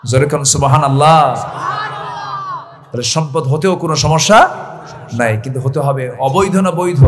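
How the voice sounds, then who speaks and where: A man from Bangladesh preaching a waz sermon, calling out questions and shouting for the crowd to answer back. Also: on the high side, normal speed, in a large hall, background noise. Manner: call-and-response, shouting to the audience.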